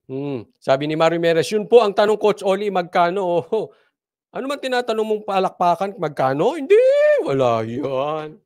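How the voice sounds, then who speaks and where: High-voiced mocking Filipino commentator man. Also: animated, moderate pace, darkish tone. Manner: mocking, sarcastic, laughs often. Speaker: political commentary host. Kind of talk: casual political commentary.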